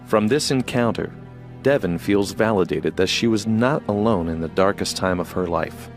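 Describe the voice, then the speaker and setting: A man reading scripted documentary narration in a measured, even way. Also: lowish voice, soft background music.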